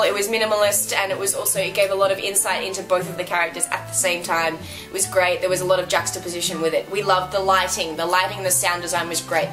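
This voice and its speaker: Casting: woman, lowish pitch, casual review co-host, gushing and emphatic, clear music underneath. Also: fairly bright tone, poor audio. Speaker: co-host reviewing a dance show.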